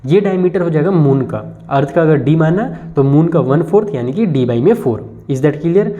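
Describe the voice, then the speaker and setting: A man's voice: a little high, mellow. A man teaching a maths lesson, explaining step by step and speaking directly to his students. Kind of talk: classroom math lesson. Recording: dull lo-fi recording.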